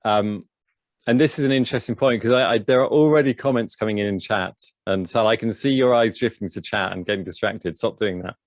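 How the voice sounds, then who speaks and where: A man with a low voice hosts a chat. His sound is close and dry, and he asks questions haltingly with many ums. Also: no room sound. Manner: hesitant, many fillers and restarts. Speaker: livestream host. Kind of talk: casual interview chat.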